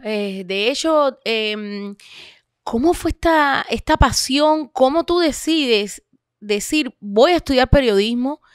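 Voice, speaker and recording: A woman's voice: high voice, animated, takes it slowly, clean tone, no echo, studio quality. A woman hosting a podcast interview, asking curious follow-up questions. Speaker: podcast host.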